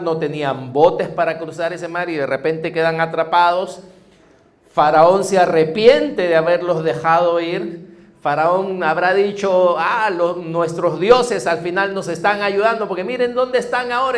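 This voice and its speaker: A high-pitched male pastor with a Peruvian Spanish accent delivers a conversational sermon, often using tag questions and repeating phrases.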